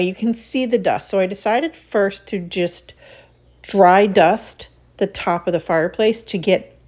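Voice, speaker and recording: A woman's voice: mid-range voice, darkish tone. A woman vlogger casually narrating her home cleaning, chatty and self-deprecating.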